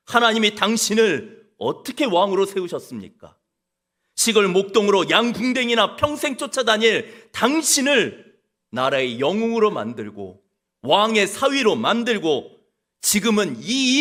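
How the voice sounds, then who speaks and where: A preacher playing a prophet who gravely accuses a king. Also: sits high, pushed and bright, full character voice. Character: stern prophet rebuking a king.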